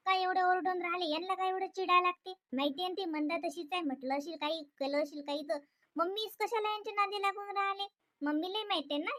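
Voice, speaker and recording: An anxious young cartoon wife, voiced by a woman, with a high, bright voice that keeps pleading and asking what went wrong. She repeats names over and over to calm everyone down. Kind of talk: animated comedy dubbing.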